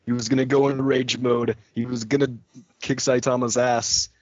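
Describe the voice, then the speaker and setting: A man with a mid-pitched voice gives an enthusiastic, casual review among friends. The sound is dry and a little dull, and he swears offhandedly. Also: flat delivery, moderate pace, no room sound.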